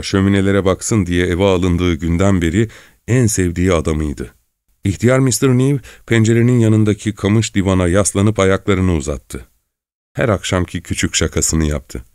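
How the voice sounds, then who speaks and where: A man with a low voice narrates a literary story in a calm, measured way. The recording is completely dry and close, with no room sound. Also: clear, resonant tone, no room sound. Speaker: audiobook narrator.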